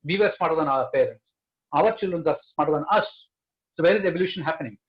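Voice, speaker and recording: A man's voice: a little high, quick pace, dull audio. A man speaking earnestly as a panelist, stressing key words again and again. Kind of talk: panel discussion.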